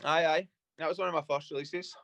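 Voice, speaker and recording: A young Scottish man speaks quickly and a little high, telling stories in an easygoing, rambling way with plenty of swearing. The sound is dry and close, with no room around it. He is a DJ guest on a radio show. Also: steady tone, vocal fry, a bit bright, dry recording. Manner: laid-back, sweary, rambling. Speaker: guest DJ and producer. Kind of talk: casual interview chat. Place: radio studio.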